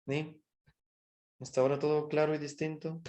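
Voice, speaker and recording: A man's voice: on the high side, little pitch movement, moderate pace, darkish tone. A man teaching a language class over a video call, patiently explaining and often checking in with short questions. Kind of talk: online class lesson.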